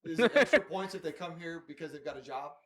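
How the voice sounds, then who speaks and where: Brisk man moderating a panel. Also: on the high side, expressive, a crowd in the background.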